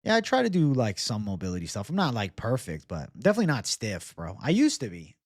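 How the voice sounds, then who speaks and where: A man's voice: mid-range voice, wildly swooping pitch, fast, no echo, studio quality. A man in his twenties hosting a livestream, chatting casually with viewers in slangy, sweary bro-talk. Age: 20s. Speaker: livestream host. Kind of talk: casual livestream chat, reading and answering viewer comments.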